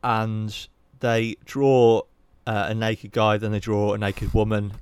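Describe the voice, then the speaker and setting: A young man talks through a film in relaxed conversation. His voice sits low and comes across smooth and clean. The sound is close and dry, with no room around it. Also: takes it slowly, no room sound. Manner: candid, rambling, swears casually. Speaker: podcast co-host. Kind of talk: casual film review chat.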